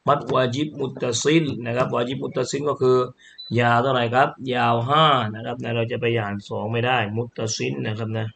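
A man teaching Quran reading, explaining each sound slowly and then chanting the syllables louder and higher. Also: steady tone, gravelly.

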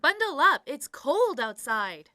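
A woman's voice: sits high, very slow, dry recording, clean studio sound, full character voice. A woman voicing a mother who urges her son to bundle up, in a recorded English learning dialogue. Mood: coaxing. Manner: bright, bouncy, lively reading. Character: mother urging her son to dress warm. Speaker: native speaker reading a dialogue.

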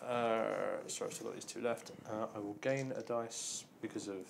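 A man's voice: lowish voice, fairly even intonation, normal speed. A man chatting casually as he plays a tabletop game in a studio. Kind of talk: casual chat during play. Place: indoor studio at gaming table. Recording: clear background noise, table clicks.

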